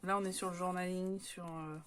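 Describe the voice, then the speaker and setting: Woman, from France, casual show-and-tell, hesitant fillers, lowish voice, faint background hiss. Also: level tone, normal speed. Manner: chatty, hesitant with many fillers. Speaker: scrapbooking vlogger.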